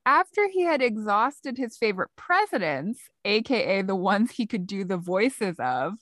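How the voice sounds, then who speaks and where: A woman's voice: mid-range voice, big pitch swings, normal speed, a bit bright, no room sound, studio quality. A woman co-hosting a podcast, chatting casually and laughing often as she tells and reads out stories. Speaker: podcast co-host. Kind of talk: casual chat.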